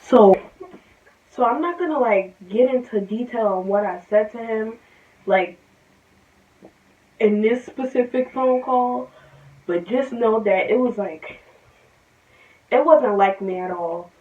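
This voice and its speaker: A woman's voice: a little high, takes it slowly, pauses often. Heated young woman telling a story. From New Jersey. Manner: heated, rambling, repeats herself. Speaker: vlogger. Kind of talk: storytime vlog. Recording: roomy, distant, dull sound.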